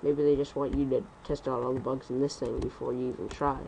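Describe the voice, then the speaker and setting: A young man rambling through casual gameplay commentary at home on a computer mic, talking fast and correcting himself. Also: medium pitch, little pitch movement, creaky, noisy background. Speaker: gaming commentator.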